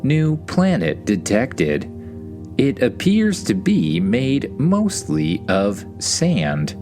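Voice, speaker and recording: A man voicing a calm, matter-of-fact spaceship computer reporting findings in a bedtime story. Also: fairly low pitch, very slow, soft background music, pitched above the performer's own voice, exaggerated voice. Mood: calm, informative.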